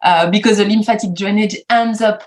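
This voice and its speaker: A middle-aged French woman with a French accent chats casually as an interview guest, a facial cupping practitioner, using lots of fillers and laughing easily. Her voice is medium-pitched with fairly even intonation, and she talks a little fast.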